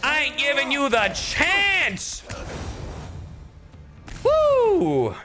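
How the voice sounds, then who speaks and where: Over music, game sound, and video game ambience, a streamer delivers casual, profane commentary as he plays, exclaiming and muttering to himself. His voice is very high-pitched with huge pitch swings and drawn-out words.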